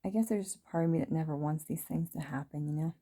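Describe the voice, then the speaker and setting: Woman, 30s, vlog diary, reflective and rambling, mellow dark tone, lower pitch. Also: fast talker. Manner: rambling, frequent fillers, soft laughs. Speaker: vlogger. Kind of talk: reflective personal diary talk.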